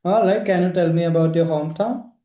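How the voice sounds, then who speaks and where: A man's voice: high voice, fairly quick. A man acting as examiner, asking short formal questions in a speaking test. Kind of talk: interview questions. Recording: roomy, dull lo-fi sound.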